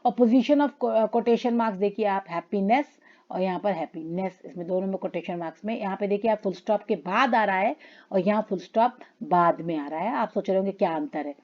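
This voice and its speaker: A woman teacher talks her students through a grammar lesson at a middle pitch. She switches to slow, careful for the examples. The recording sounds a little dull and lo-fi. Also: darkish tone. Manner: addresses students as children, reads English lines slowly. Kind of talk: classroom lesson explaining grammar.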